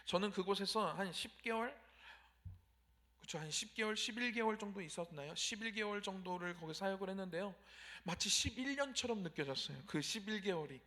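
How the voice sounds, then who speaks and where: A man's voice: high-pitched, brisk, bright, forceful tone. A young male pastor preaching a Sunday evening sermon. He keeps turning to address the congregation and acts out pleading prayers in a raised voice.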